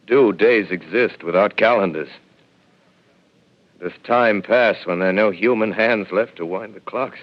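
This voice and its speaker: Deep-voiced, grave survivor professor; 1930s AM radio play, muffled broadcast. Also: male voice. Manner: grave, measured, reflective. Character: lone male professor surviving an alien invasion, shaken and weary. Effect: old AM radio broadcast sound. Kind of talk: 1930s radio drama narration.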